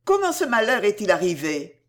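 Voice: mid-range voice, huge pitch swings, moderate pace, a bit bright. A reader voicing an earnest, compassionate young woman in an audiobook, speaking in a pleading, emphatic way. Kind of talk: audiobook reading.

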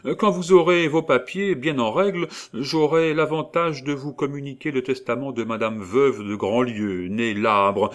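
A man's voice: medium pitch, unhurried, hardly any pauses, pitched above the performer's own voice, natural voice. A man voicing a pompous, fussy middle-aged notary who speaks sententiously and hesitates with many "euh"s.

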